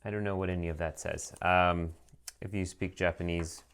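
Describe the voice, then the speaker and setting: A man's voice: sits low, steady tone, normal speed, a bit bright, clear, resonant tone. A man reviewing a fountain pen as he unboxes it, chatting casually with lots of ums and some dry sarcasm.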